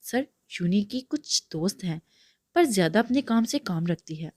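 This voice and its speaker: A woman's voice: medium pitch, expressive, a little mellow, dry recording, clean studio sound, lightly acted. A woman reading aloud, voicing a dutiful young male assistant who reports to his boss. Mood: reporting.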